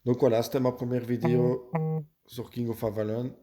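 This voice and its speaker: A man's voice: medium pitch, little pitch movement, normal speed, warm tone. A Belgian man with a Belgian French accent giving casual gameplay tips as a YouTuber, hesitant and full of fillers and self-corrections. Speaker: gaming YouTuber.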